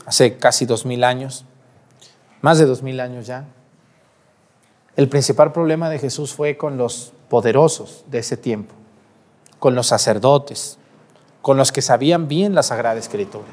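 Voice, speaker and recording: A man's voice: mid-range voice, a little mellow. A man speaking as a priest at Mass, reading scripture and preaching to a congregation, with a cathedral-like echo around his voice. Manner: addresses the congregation with rhetorical questions. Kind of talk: liturgical Gospel reading and homily. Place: large reverberant church. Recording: long cathedral-like echo of a large space.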